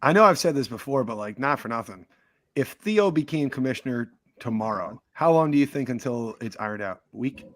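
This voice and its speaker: A man co-hosting a sports podcast, talking in a casual, animated way, swearing freely as he tells stories. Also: medium pitch, fairly quick, dry recording. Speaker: podcast co-host.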